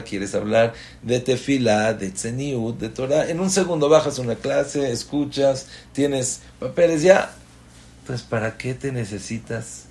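A man's voice: medium pitch, a little mellow. A man, a rabbi giving a Torah class as a sermon, impassioned and asking strings of rhetorical questions.

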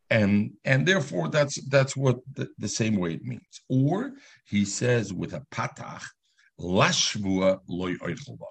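A man's voice: on the low side, vocal fry, fairly bright tone, slightly rough. A man teaching a Talmud lesson in a sing-song learning cadence, weaving Hebrew and Aramaic terms into his English explanation.

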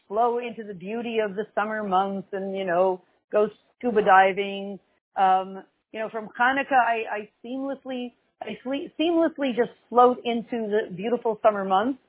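An older woman with a mid-range, slightly breathy voice hosts an informal religious class, teaching conversationally with wry jokes and repeating phrases for emphasis. The recording is dry, tinny and narrow, like a phone.

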